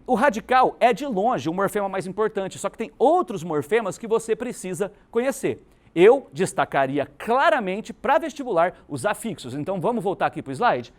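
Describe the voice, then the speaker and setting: A male Brazilian teacher leads an exam-prep grammar lesson in a high, lively voice. His delivery is emphatic and animated, rising and falling a lot. He keeps checking in with his students as he explains. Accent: Brazilian Portuguese.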